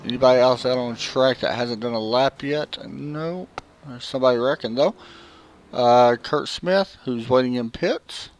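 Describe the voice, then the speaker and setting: A man's voice: mid-range voice, a little slow, a little hiss or hum. A man with a Southern US accent giving casual, chatty live race commentary and interviewing drivers. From American South. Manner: casual, chatty, with frequent fillers. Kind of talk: live sim-racing commentary.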